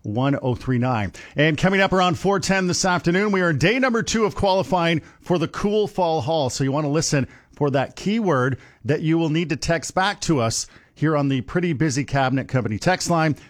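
A man working as a radio DJ, reading station news and ads in a loud, dense, punchy announcer delivery. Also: a little high, a little fast. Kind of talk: radio announcer patter and ad reads. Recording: music bed under the voice.

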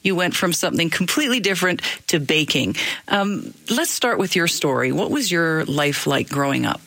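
A woman hosting a radio interview show, reading a polished, expressive introduction and then chatting with her guest. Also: lowish voice, normal speed, gravelly, no room sound. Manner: polished, expressive storytelling delivery. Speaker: radio talk show host.

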